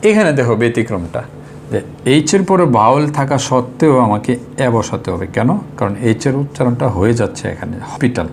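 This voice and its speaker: A man's voice: medium pitch, lively intonation, a little fast, creaky, slight background noise. A young Bangladeshi man with a Bengali accent teaches an English grammar lesson. He asks his students a question and then answers it himself.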